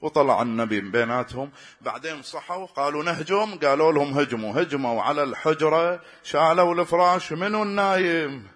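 Man, preacher, fervent sermon, repeats phrases, rising cries, fairly high voice. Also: quick pace. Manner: impassioned, swells to loud cries, repeats phrases rhythmically. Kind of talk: impassioned religious sermon with storytelling.

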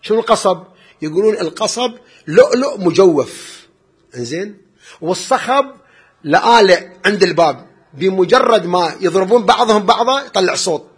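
A male preacher delivers a mourning sermon. His voice sits very high and sounds husky. He stretches his words into a slow, wailing chant. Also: expressive.

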